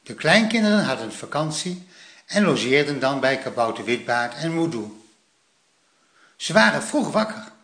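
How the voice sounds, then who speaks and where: A man reading a children's story aloud in a slow, expressive way. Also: a little high, reverberant.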